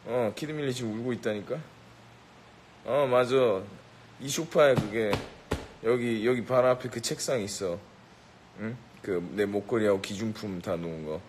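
A man's voice: fairly low pitch, normal speed, darkish tone, slight background noise, poor audio. A man bantering with a live audience in a brash, boastful, mock-bossy way, teasing and giving orders as a joke. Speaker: rapper addressing a live audience.

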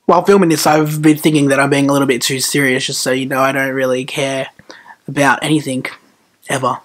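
A man delivering a comedic vlog monologue with an exaggerated, animated manner. His voice sits at an ordinary pitch for a man. Faint music plays in the background. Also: fairly quick. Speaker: vlogger.

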